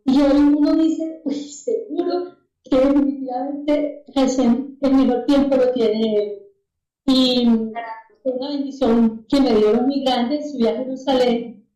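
A woman's voice: on the high side, warm tone, echoey room, distant mic, highs cut off. A Colombian woman with a Colombian Spanish accent, telling a personal faith testimony in a casual, rambling way with prayerful asides. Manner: storytelling, with frequent restarts and prayerful asides.

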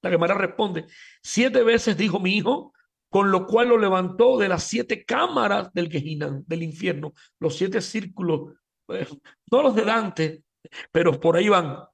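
High, gravelly man teaching a Talmud class. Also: unhurried. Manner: emphatic, addresses listeners, stumbles and repeats words. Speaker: religious teacher.

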